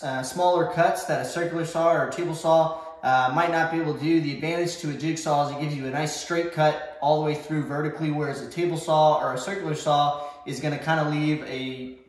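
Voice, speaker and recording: Brief: young guy, slightly high voice, rambling woodshop tour talk, heavy garage echo. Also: fairly even intonation, a little fast. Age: young adult. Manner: rambling, filler-heavy, self-correcting. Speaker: woodworking vlogger. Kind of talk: casual shop tour talk. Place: large home garage workshop. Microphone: far camera. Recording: echoey garage.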